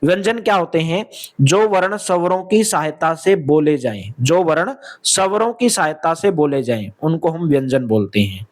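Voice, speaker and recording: A man's voice: on the high side, expressive, moderate pace. A young man with a Haryanvi Hindi accent teaching an exam-prep lesson, asking questions and answering them himself and calling his students "bhai". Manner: explains step by step, asks questions and answers them, calls listeners "bhai".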